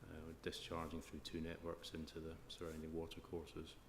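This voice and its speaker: A man's voice: extremely low pitch, monotone, normal speed. A man with a broad Scottish accent answering formally as an expert witness at an inquiry. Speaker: flood risk and drainage consultant giving evidence. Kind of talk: formal question-and-answer evidence at a planning inquiry. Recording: echoey hall with clear background noise.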